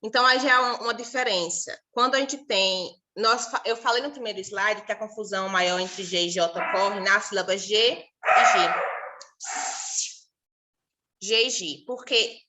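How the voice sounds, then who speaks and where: A woman's voice: mid-range voice, normal speed, few pauses, pushed and bright. A Brazilian Portuguese woman teacher giving a recorded class, explaining patiently and repeating syllables and example words one by one.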